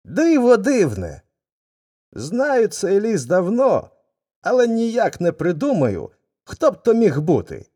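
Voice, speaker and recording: A man's voice: sits high, huge pitch swings, slow pace, dark tone, voice pushed up, heavily acted. A man voicing an eager, fawning male wolf in a folk tale reading. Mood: eager, curious.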